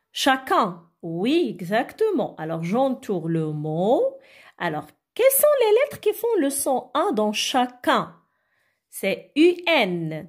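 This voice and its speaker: A woman teacher leads a reading lesson for small children. Her voice sits a little high and moves a lot, and she speaks unhurriedly, repeating each word slowly and deliberately so the class can follow. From Arabic-speaking country.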